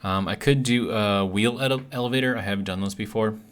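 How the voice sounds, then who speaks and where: Man, low voice, casual gaming host, hesitant thinking aloud, slightly awkward articulation. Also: fairly quick, a bit bright, clear, resonant tone. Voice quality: slightly awkward speech from a healing bitten tongue. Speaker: host of a gaming video series. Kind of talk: casual gameplay commentary.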